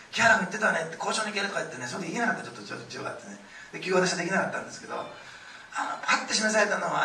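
A middle-aged man preaching a sermon, telling stories with lively acted-out quotes, in a church hall. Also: fairly high pitch, slight background noise. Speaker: pastor. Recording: echoey room, distant mic, faint ambience.

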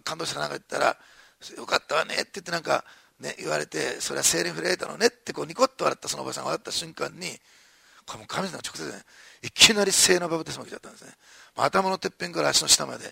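Man, pastor, very gravelly husky voice, bright tone, storytelling sermon, dry close sound. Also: on the high side, no room sound. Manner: conversational, chuckling asides.

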